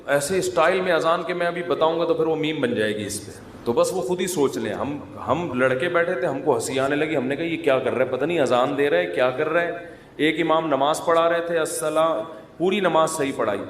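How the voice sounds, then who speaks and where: A man giving a conversational religious talk as an Islamic scholar, mixing humor with teaching and mimicking drawn-out calls to prayer. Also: on the high side. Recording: echoey hall, faint ambience.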